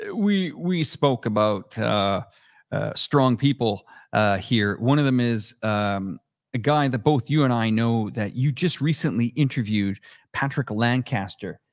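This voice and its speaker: A man's voice: medium pitch, animated, a little slow, dry recording, clean studio sound. A man interviewing a guest in a casual chat, speaking hesitantly with many filler sounds.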